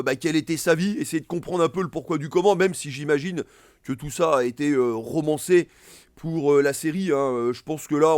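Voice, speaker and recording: A man's voice: on the high side, no room sound, clean studio sound. Rambling man reviewing films. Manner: rambling, many fillers and restarts. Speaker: film reviewer. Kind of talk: casual film review monologue.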